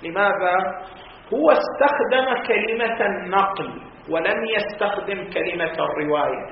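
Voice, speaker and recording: A man who is a religious scholar gives a scholarly lecture on hadith. He speaks deliberately and poses questions to his students. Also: high voice, lively intonation. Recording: very echoey, tinny lo-fi recording with faint noise.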